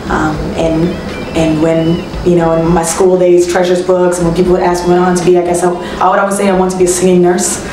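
A young woman, a singer from Canada, talking casually in an interview with a relaxed, chatty manner and many fillers. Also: fairly low pitch, fast, heavy reverb, background noise. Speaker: singer-songwriter guest. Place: small office room.

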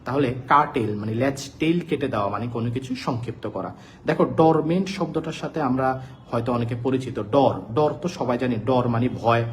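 A man of mid-range pitch teaches vocabulary in a live online class, repeating each word and its meaning again and again. He keeps turning to his students with check questions. A faint hiss of noise sits under the recording. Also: normal speed. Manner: repetitive drilling of words and meanings; addresses students directly, asking check questions.

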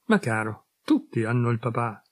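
A man voicing a tall, kindly working man who speaks gently and good-naturedly. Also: medium pitch, big pitch swings, moderate pace, no room sound.

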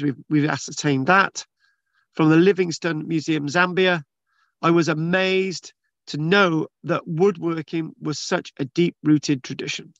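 A man's voice: a little high, a bit bright, no room sound, lo-fi sound. A man reading news articles aloud and commenting in a rambling, casual way, with many restarts and fillers. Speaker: channel host reading and discussing archaeology news. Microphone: video call screen share.

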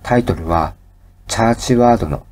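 A man giving soft, breathy pillow-talk narration of a scripted lecture, calm and soothing, as if lulling someone to sleep. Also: lowish voice, a little hiss or hum. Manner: calm, soothing, measured bedtime delivery.

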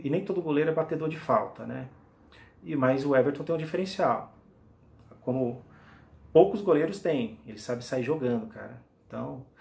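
Man in his forties, eager fan commentary, mid-pitch voice, small indoor room, camera mic at desk distance. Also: gravelly, darkish tone. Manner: enthusiastic, rambling with many restarts and tag questions. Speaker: football fan vlogger.

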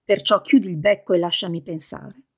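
A woman voicing a stout, serious older father who speaks slowly and gravely, sighing heavily. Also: lowish voice, fairly even intonation. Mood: stern. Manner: slow, grave, heavy sighs.

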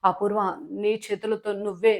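A woman voicing an affectionate, wealthy middle-aged father in a serial recap, speaking in a gentle, reassuring way. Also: medium pitch, flat delivery, moderate pace, natural voice.

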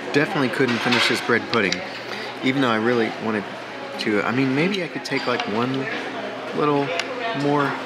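Holding his camera up close, a man in his forties hosts a food vlog, chatting enthusiastically as he eats at a restaurant indoors before moving to an outdoor beach. He has a mid-range voice, and heavy background noise runs throughout.

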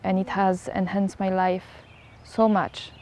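Mellow-voiced woman from Poland. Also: medium pitch, little pitch movement, takes it slowly, slight background noise. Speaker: podcast host, interviewee. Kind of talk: interview talk. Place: garden, outdoors. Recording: faint music under the voice. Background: music.

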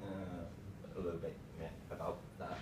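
Speaking at a normal speed in a flat, low-pitched delivery, a male tech presenter gives an informal lightning talk over slides in choppy, fragmented phrases. He's recorded from the far side of a small meeting room on a camera mic, with lots of room reflection and plainly noticeable noise.

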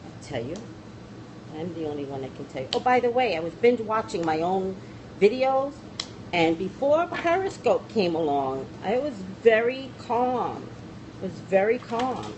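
Casual livestream chat from a middle-aged woman hosting a psychic stream: she rambles, keeps trailing off and restarting, speaking in a mid-range voice over a noisy background. She's in a small room against a plain wall, recorded by a phone held at arm's length.

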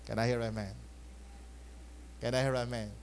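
A male pastor preaching a Sunday sermon in mixed Tagalog and English, animated, often calling for an amen and shifting between loud bursts and soft asides. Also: mid-range voice, moderate pace, smooth. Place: church.

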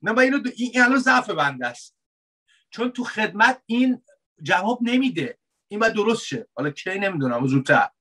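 Bright-voiced male preacher, conversational sermon. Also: sits high, sing-song. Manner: conversational preaching with rhetorical questions, dropping to soft asides. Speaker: pastor.

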